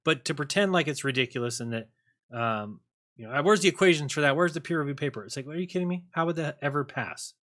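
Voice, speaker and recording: A fast-talking man with a fairly high voice hosts a call-in show. He chats casually with callers, full of energy and sarcastic jokes.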